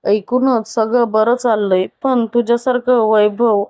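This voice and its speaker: Woman doing a kind middle-class wife in a storybook, gentle and slow, smooth slightly high voice. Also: steady tone, no room sound, natural voice. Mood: reassuring.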